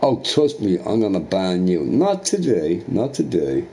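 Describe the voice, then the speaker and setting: Brief: male streamer, slow, mocking rant, voice leaps high then drops to a mutter, lots of repetition. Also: very animated, creaky, warm tone. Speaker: live streamer. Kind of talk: angry rant at a chat viewer.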